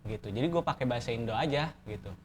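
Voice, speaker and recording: A man's voice: mid-range voice, animated, fast talker, darkish tone, a little hiss or hum. A man with an Indonesian accent chatting casually as an interview guest, with a lisp that blurs his r sounds. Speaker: barista competition champion, interview guest. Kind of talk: casual chat.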